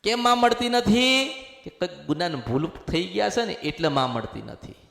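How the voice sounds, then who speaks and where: A man's voice: sits high, lively intonation, moderate pace, vocal fry, fairly bright tone. A man preaching as a temple medium, speaking as the mother goddess and repeating his exhortations over and over. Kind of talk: devotional sermon. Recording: echoey hall reverb.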